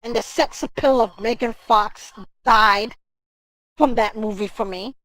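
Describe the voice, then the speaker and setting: A woman's voice: on the high side, a little slow, no room sound, low-quality recording. A woman livestreaming from home, ranting in casual talk, swearing and speaking straight to her chat. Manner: animated, profane ranting.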